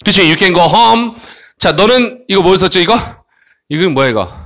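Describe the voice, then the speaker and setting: A man's voice: high-pitched, animated, moderate pace, a bit bright. A man teaching an English lesson to children in Korean, coaxing them along with frequent tag questions.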